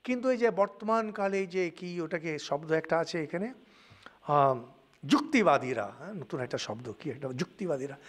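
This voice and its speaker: Speaking at a normal speed in a slightly high voice, an older Indian monk with a Bengali accent delivers a spiritual lecture full of animated storytelling, with English words mixed in.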